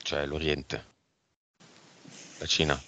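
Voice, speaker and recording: A man leading an esoteric hypnosis session, asking brisk, directive questions. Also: rumbling low, level tone, pushed and bright, no echo. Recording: dull lo-fi sound.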